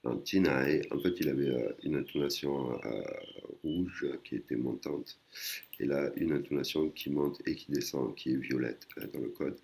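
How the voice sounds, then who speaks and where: A language teacher with a very deep, gravelly voice gives a casual screen-recorded lesson at a moderate pace. Relaxed and hesitant, he keeps restarting sentences and uses many fillers. He explains each point patiently and tacks on little tag words as he goes.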